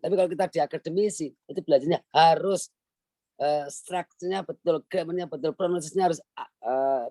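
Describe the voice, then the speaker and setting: A middle-aged man lectures a webinar audience over a video call, hammering home his points and repeating key phrases for emphasis. His voice sits a little high for a man but sounds mellow and dark in tone. The recording is dry and close. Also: dry recording. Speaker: guest speaker on a business webinar.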